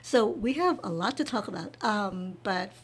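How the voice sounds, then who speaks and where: A woman hosting an interview podcast, reading a scripted guest introduction and then asking questions in a soft, encouraging way. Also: mid-range voice, lively intonation, normal speed, slightly rough. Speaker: podcast host.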